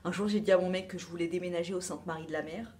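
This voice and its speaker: A woman's voice: fairly low pitch, steady tone, very fast, a little mellow. Chatty French woman unboxing beauty products. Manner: chatty, rambling, full of asides and fillers. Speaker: beauty box reviewer. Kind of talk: casual unboxing chat.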